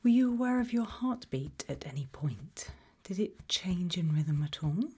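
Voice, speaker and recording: A British woman's lowish whisper, breathy and very animated, carries gentle, measured questions as she plays an interviewer for ASMR.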